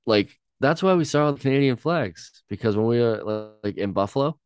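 A young man co-hosting a casual song-reaction chat, talking in a halting way with many ums and restarts. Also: medium pitch, animated, clear, resonant tone. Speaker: podcast co-host.

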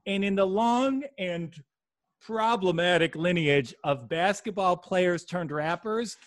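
Animated man with a Michigan accent. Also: sits high. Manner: animated, quick asides and jokes. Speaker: sports betting podcast co-host. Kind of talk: casual sports chat.

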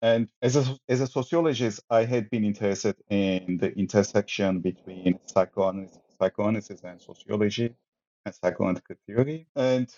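A Turkish man with a Turkish accent, a sociologist, discusses his research as a guest in an academic interview. His voice is fairly low and warm, fairly quick, with the highs cut off, and he speaks hesitantly with many restarts and fillers.

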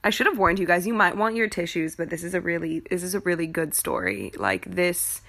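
A woman's voice: lowish voice, lively intonation, fairly quick, creaky, fairly bright tone. A woman hosting a podcast, telling personal stories in a candid, informal way with casual swearing. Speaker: podcast host. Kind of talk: confessional personal storytelling podcast.

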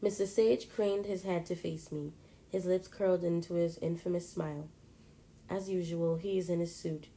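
A woman reading a first-person story aloud in a plain, steady manner. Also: lowish voice, moderate pace, rough recording.

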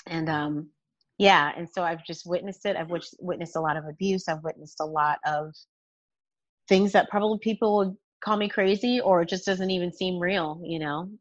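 A woman giving personal testimony as an interview guest, candid and halting in conversation. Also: lowish voice, steady tone, no room sound. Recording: dull, lo-fi, close dry sound.

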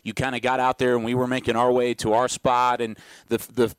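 A man's voice: medium pitch, monotone, fairly quick, clean tone, no echo. A man hosting a sports podcast, recapping events and moving the talk along with questions. His mid-range voice is dry and close to the mic. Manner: steers the talk, sets up questions. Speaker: podcast host. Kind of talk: casual sports podcast chat.

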